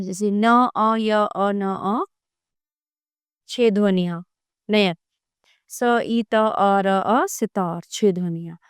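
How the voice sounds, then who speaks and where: A woman teacher leads a grammar lesson for young children, sounding out letters one at a time. Her voice is smooth and clear, at a middle pitch, and the recording is close and dry with no room around it. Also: dry recording. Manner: spells out sounds slowly one by one; addresses children warmly and directly.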